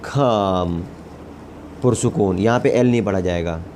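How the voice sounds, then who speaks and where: Slow, repetitive man teaching English. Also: low-pitched, darkish tone, a little hiss or hum. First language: Urdu. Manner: repeats each word slowly several times, then gives the meaning. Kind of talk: slow vocabulary and grammar lesson.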